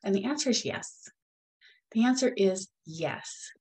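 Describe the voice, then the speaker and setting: A woman's voice: mid-range voice, animated, unhurried, darkish tone, rough recording. A middle-aged woman hosting her own podcast, talking in an earnest, upbeat, encouraging way. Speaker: podcast host. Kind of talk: solo podcast talk.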